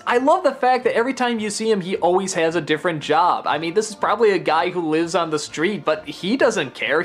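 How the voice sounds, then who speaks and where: A man hosting a film review, commenting with animated, gushing enthusiasm. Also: a little high. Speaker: film critic host.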